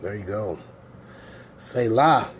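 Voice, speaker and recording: A man's voice: on the low side, animated, slow, slight background noise. A man hosting a casual scripture teaching show, rambling and emphatic, often repeating his points.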